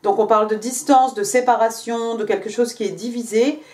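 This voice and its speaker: Her voice sits fairly high and mellow, with fairly even intonation and a slightly fast delivery. This tarot reader keeps the session casual and chatty, peppering it with fillers and "hein" tags and reading the card text in English.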